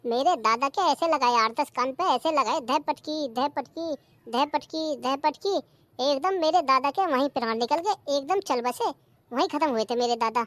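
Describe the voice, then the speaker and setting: A bragging young cartoon villager, voiced by a voice actor, spinning a wild story with full conviction. His voice is high and sounds dry and close to the mic. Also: moderate pace, fairly bright tone, no room sound. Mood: boastful. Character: boastful young villager spinning a tall tale. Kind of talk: cartoon comedy voice acting.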